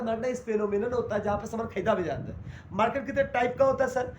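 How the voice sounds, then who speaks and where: A man teaching a class in Hindi mixed with English terms, asking questions and answering them himself. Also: high voice. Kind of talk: classroom lecture. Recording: echoey room, faint noise.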